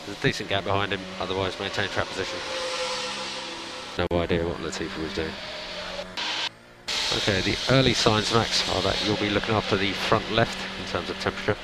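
A calm male race engineer on team radio. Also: sits low, a little fast, long pauses. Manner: calm, clipped, repeats each instruction. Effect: race car team radio. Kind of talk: team radio instructions to a driver. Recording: radio voice over loud car noise.

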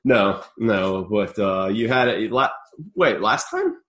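A man's voice: lowish voice, lively intonation, slow, fairly bright tone. A man hosting a casual podcast chat, rambling and laughing often, swearing casually. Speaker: podcast host.

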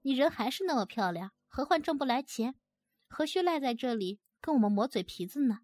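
A woman's voice: high voice, animated, brisk, a little mellow, no room sound. A woman voicing a crude, lecherous man who gloats and swears, read in a storytelling style. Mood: threatening.

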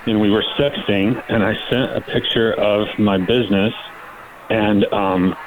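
A man's voice: lowish voice, fairly even intonation, measured pace. A man calling a talk show from a jail payphone, pleading urgently with the hosts. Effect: collect call over a jail payphone line. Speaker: caller. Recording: noisy phone line.

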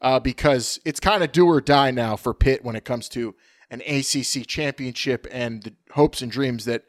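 A man co-hosting a casual sports podcast, energetic and chatty, running through questions and sponsor reads. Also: mid-range voice, normal speed, dry recording, clean studio sound. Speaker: podcast co-host. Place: at home, remote recording.

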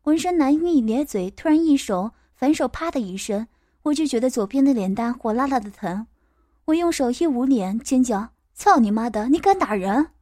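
A woman narrating a first-person audiobook story in a steady, plain way. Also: high-pitched, normal speed, no room sound, clean studio sound.

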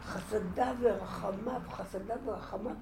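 A woman's voice: medium pitch, roomy sound, background noise. A woman in a group discussion, telling personal anecdotes expressively and laughing as she talks. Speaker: participant in a women's study group. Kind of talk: animated storytelling in group discussion.

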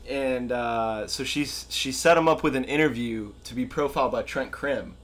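A man's voice: medium pitch, normal speed. A man co-hosting a casual pop-culture podcast, retelling scenes with lots of fillers and restarts. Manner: rambling, filler-heavy, animated retelling. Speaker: podcast co-host. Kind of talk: casual chat.

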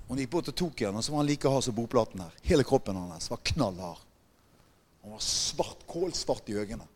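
A man's voice: medium pitch, lively intonation, husky. A man preaching a sermon, emphatic and often putting questions to the congregation. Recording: long hall reverb.

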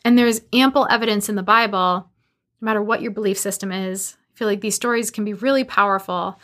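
A woman in her thirties hosting a solo podcast, talking earnestly and growing animated as she retells her own story. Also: medium pitch, fairly quick. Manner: earnest, animated when retelling, faith-driven encouragement. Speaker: podcast host.

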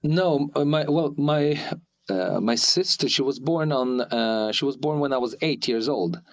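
A man in his forties, raised in Ukraine and now living in Sweden, speaking as an interview guest. He talks in a halting way, full of restarts and fillers. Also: mid-range voice. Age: 40s. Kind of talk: hesitant conversational interview.

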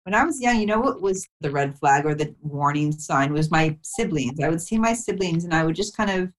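Her voice is low, expressive, and fairly quick as she guests in a laid-back conversation about her memoir. Raised mostly in Thailand, she speaks softly and thoughtfully, filling her talk with "you know" and gentle laughs.

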